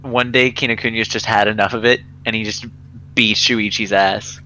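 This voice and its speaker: A man's voice: on the low side, steady tone, moderate pace, sharp tone, rough recording. A young man chatting on a game stream, teasing and laughing at the story. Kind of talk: casual game stream banter.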